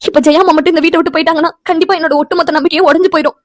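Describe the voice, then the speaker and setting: A woman's voice: very high voice, steady tone, very fast, no room sound, clean studio sound. A woman voicing an earnest young woman in a cartoon who begs and pleads. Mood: pleading. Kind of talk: cartoon voice acting.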